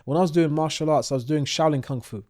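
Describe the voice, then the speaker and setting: A man hosting a podcast interview, speaking in a measured, deliberate way. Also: a little high, a little mellow. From United Kingdom. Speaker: podcast host.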